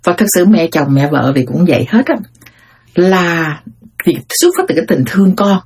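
A woman's voice: moderate pace, breathy edge. A woman, chatting casually to her viewers as she tells life stories, often turning to address them directly. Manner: chatty, addresses listeners directly, animated swings in pitch. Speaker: storyteller host.

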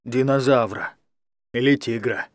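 A man's voice: fairly even intonation, measured pace, no echo, clean studio sound, lightly acted. A man voicing a frightened, childlike young man who blurts out simple, trusting words. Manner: naive, blurting, high and strained when scared.

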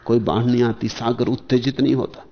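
A spiritual teacher, a man, speaks in slow, measured phrases, pausing often and posing rhetorical questions. His voice has a gravelly edge at mid pitch. The sound is muffled and lo-fi, like an old archival lecture tape. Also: steady tone. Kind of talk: spiritual discourse.

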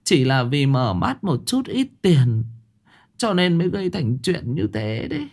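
A man's voice: on the high side, big pitch swings, measured pace, darkish tone, pitched above the performer's own voice, heavily acted. A man voicing a worried older village mother who pleads through tears in a storybook ghost tale. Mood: tearful pleading. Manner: sobbing, pleading.

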